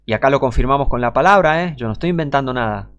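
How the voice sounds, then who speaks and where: A man's voice: medium pitch, lively intonation, rapid-fire, fairly bright tone, smooth, lo-fi sound. A man with a Rioplatense Spanish accent preaching an informal sermon, emphatic and rhetorical, talking straight to the listener.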